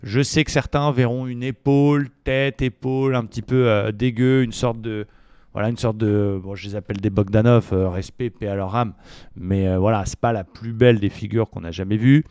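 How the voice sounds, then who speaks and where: Male trading educator, low smooth voice, casual and slangy, dry close mic. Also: moderate pace, no room sound. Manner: relaxed, chatty, frequent fillers, slangy asides. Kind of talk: casual market analysis video.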